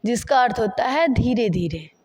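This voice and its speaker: High-voiced woman teaching English slowly. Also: expressive, a little mellow, breathy edge. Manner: repeats phrases slowly while writing examples. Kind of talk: spoken English lesson explained in Hindi.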